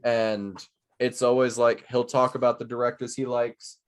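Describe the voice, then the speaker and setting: A young man co-hosting a casual podcast, chatting in a rambling, self-mocking way and quick to joke. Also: mid-range voice, little pitch movement. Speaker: podcast co-host. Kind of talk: casual chat.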